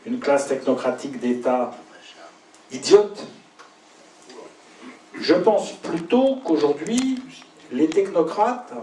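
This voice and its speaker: A man speaks in a measured, deliberate way, pausing between phrases as he answers audience questions after his talk. He is picked up from a distance in a roomy pub, with a faint hum of the crowd behind him. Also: on the high side, darkish tone. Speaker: invited speaker giving a talk.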